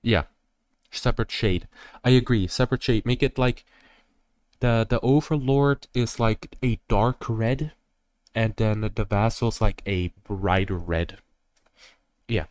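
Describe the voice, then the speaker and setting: A man's voice: on the low side, slow pace, long pauses, a little mellow, dry recording, studio quality. A young man streaming a strategy game, rambling and jokey in casual commentary, full of fillers.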